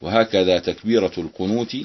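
A man's voice: deep voice, a little fast, lo-fi sound, a little hiss or hum. A man teaching Islamic jurisprudence, reading a legal text aloud and explaining it to students.

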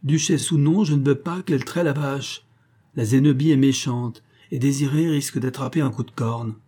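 A man voicing an aging, gruff country gentleman who hunts, speaking brusquely and commandingly. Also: mid-range voice, moderate pace, voice pushed up, natural voice. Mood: irritated.

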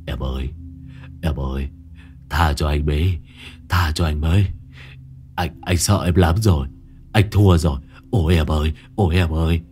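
A man voicing a terrified husband near fifty, whimpering and begging in a low, hushed moan, in a spoken ghost story. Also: a little slow, long pauses, soft background music. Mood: terrified pleading. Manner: whimpering, pleading moans.

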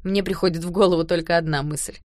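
A wry young husband, read by a woman who jokes his way through rising worry. The voice sits fairly low and close, with a dry, close-up sound, as in an audiobook. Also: fairly even intonation, quick pace, no room sound, lightly acted. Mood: wry, alarmed. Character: young adult man, wry, increasingly worried husband.

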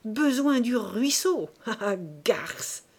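A woman reading an audiobook voices an enraged, jealous older male magistrate who sputters and shouts threats. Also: on the high side, animated, extremely slow, breathy edge, pitched above the performer's own voice, full character voice. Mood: sputtering.

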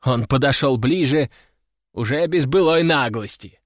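A man narrating a first-person audiobook story in a wry, measured way. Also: medium pitch, no echo, studio quality. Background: faint music.

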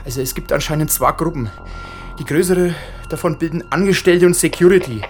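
Lightly acted over faint background music, a man's fairly high voice portrays a scared male police inspector in a radio drama, reporting from the scene of a massacre. He sounds shaken, stammering and halting as his panic builds.

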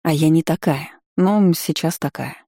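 Expressive first-person audiobook reader, warm tone, close dry booth sound. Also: medium pitch, moderate pace, no echo. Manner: lively, expressive storytelling. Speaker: audiobook narrator.

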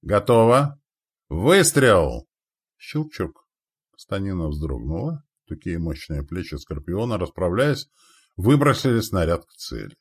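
A man with a very low voice narrating a war audiobook, his pitch rising and falling in an animated way. The reading is dramatic and vivid. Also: a little slow, husky.

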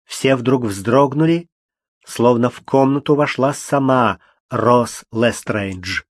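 In a studio-quality recording with no echo, a medium-pitched man narrates an audiobook, telling the story in a measured, even way.

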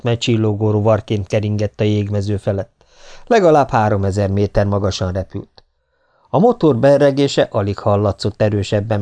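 A man narrating an adventure novel as an audiobook in a measured, even reading. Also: lowish voice. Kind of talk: scripted narration.

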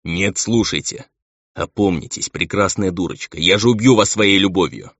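A man's voice: low-pitched, normal speed, a bit bright, no room sound. A man voicing a stern, brooding half-demon male envoy who speaks insistently. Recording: dull lo-fi dry recording.

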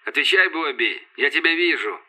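A male narrator voicing a calm, teasing male fleet commander who speaks evenly. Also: fairly high pitch, exaggerated voice. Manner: calm, unhurried.

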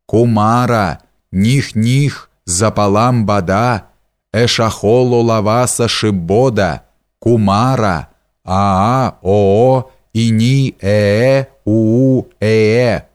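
Man voicing an old male sorcerer, hoarse, chanting incantations, storybook reading, deep, unhurried. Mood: howling. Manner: muttering and howling incantations.

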